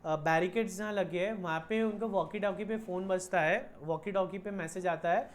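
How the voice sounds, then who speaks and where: A woman's voice: on the low side, moderate pace. A woman teaching an online commerce lesson, mixing Hindi with Indian-accented English and repeating key points. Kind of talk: online lecture.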